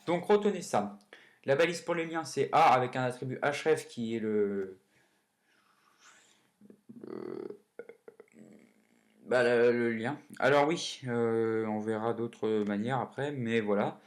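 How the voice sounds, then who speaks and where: A man's voice: medium pitch, big pitch swings, takes it slowly, pauses often. A man hosting a casual coding lesson, chatty and full of fillers, self-corrections and little joking asides. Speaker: coding tutorial host.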